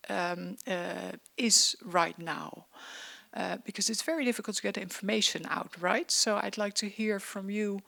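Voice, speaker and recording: Woman moderator with a gravelly edge. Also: mid-range voice, a bit bright. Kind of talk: moderated panel discussion.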